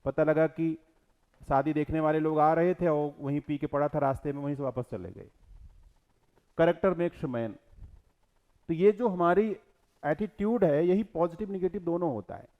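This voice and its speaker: A middle-aged man lectures a class and poses questions that he answers himself. His voice sits a little high for a man. The recording is muffled and lo-fi. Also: normal speed, long pauses. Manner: explains verse line by line, asks and answers his own questions. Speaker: teacher.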